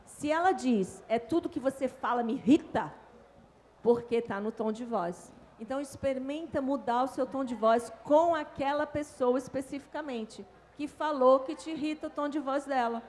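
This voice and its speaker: Animated Brazilian woman speaker on stage. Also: sits high, normal speed, few pauses. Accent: Brazilian Portuguese. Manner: animated, demonstrates tones with her own voice. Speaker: invited speaker on communication. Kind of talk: panel talk at a conference. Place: hotel conference stage.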